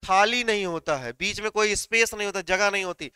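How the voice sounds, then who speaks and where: Bright high-voiced man teaching. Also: fairly quick, clear, resonant tone, dry recording, clean studio sound. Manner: explains step by step, asks students questions; dictates notes word by word. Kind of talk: live online class.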